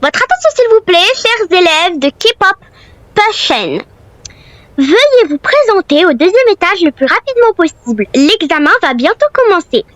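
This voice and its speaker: A woman's voice: very high voice, sing-song, moderate pace, a bit bright, no echo, pitched above the performer's own voice, heavily acted. A woman playing a female academy boss, making a formal school PA announcement to pupils. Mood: formal, urgent. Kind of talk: scripted announcement in a role-play story.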